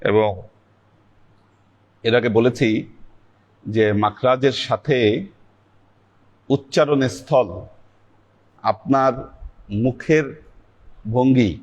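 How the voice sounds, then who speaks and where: A man teaching a class on pronouncing Arabic letters, speaking slowly and patiently, drawing out each letter sound. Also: medium pitch, dull audio. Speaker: Sufi teacher leading a weekly class.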